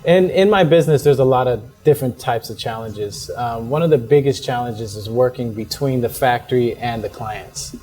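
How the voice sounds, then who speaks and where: A man's voice: medium pitch, moderate pace, hardly any pauses, slightly rough, faint music behind. A young man in a casual interview, talking easily with frequent small laughs and fillers. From born in the United States, raised in Hong Kong. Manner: relaxed, laughs often, many fillers. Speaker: interview guest, fashion entrepreneur.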